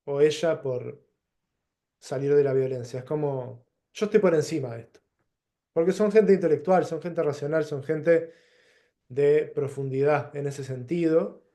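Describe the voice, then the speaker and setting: A man with a Rioplatense Spanish accent giving a reflective lecture, pausing and restarting as he works through plain examples. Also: a little high, dark tone. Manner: thoughtful, pauses and restarts, gives plain examples. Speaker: teacher.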